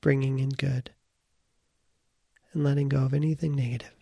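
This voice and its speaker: Here a man leads a guided meditation at a medium pitch, his voice dark, relaxed, and heavily fried with gravel. His phrases come short and deliberate, broken by pauses, and the sound is completely dry without any echo.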